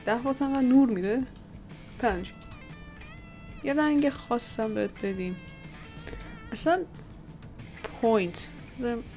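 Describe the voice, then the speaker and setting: A woman's voice: a little high, pauses often, a little mellow, faint music behind. A woman who hosts her own channel, giving casual commentary as she works and muttering to herself while trying things out. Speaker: 3D artist and channel host. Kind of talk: casual thinking-aloud commentary while working.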